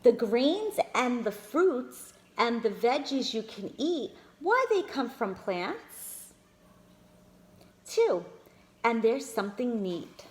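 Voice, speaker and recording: Reading a picture book to young children, this female storyteller speaks slowly in a slightly high, sing-song voice. She pauses to point out the pictures and addresses her listeners as friends, all in an echoey room.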